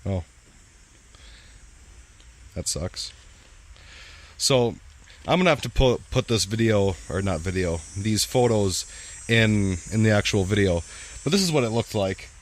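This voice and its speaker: Casual low-voiced male podcast host. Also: expressive, a little slow, long pauses. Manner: rambling, restarting sentences. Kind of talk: casual chat. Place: outdoors on a patio.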